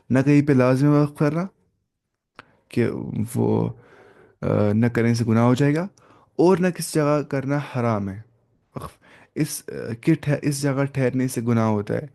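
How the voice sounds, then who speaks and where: A man explains recitation rules to his students. His dark, gravelly voice sits at an ordinary pitch. He comes back to each point more than once and mixes in the odd English word. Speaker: Quran recitation teacher. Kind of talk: explanatory lesson.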